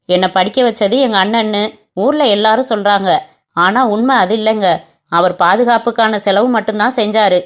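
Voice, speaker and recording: A woman's voice: medium pitch, moderate pace, natural voice. A woman voicing an earnest, remorseful young man who speaks humbly, apologetically and politely in a storybook reading. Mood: remorseful, pleading. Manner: apologetic, pleading, respectful.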